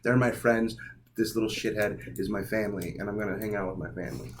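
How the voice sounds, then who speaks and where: A man's voice: lowish voice, steady tone, fast. A man playing a tabletop game, chatting casually and bluntly with plenty of swearing. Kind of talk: casual table chat, in-character asides. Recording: noisy room with clicks.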